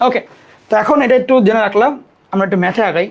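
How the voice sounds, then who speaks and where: A young adult teacher talks through a live math lesson in a loose, informal way. The voice sits at a middle pitch, and the teacher repeats terms slowly so students can copy them and apologizes quickly for board mistakes.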